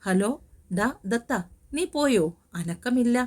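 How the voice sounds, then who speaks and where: A man's voice: very high-pitched, animated, takes it slowly, full character voice. Woman reading as a teasing young man on the phone. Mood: warm. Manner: playful, teasing. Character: teasing loyal young male best friend.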